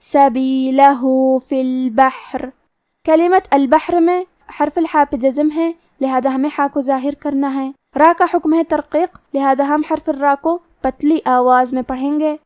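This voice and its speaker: A woman's voice: sits high, steady tone, darkish tone, no room sound, clean studio sound. A woman teaching Quran recitation rules in a methodical, word-by-word explanation. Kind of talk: tajweed lesson.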